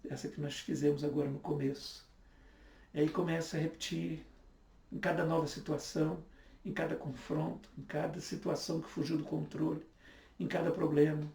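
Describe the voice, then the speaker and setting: A man's voice: a little high, gravelly, darkish tone. A man in his fifties preaching a sermon as a pastor, urging his listeners on in earnest and often repeating himself. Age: 50s. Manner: earnest, repetitive exhortation. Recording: echoey room, voice from far off.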